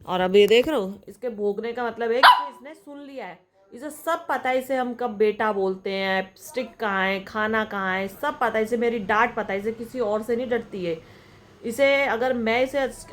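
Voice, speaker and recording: A woman's voice: a little high, normal speed. A young woman chatting casually in a home vlog, cooing now and then to her pet dog. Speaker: vlogger. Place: at home indoors.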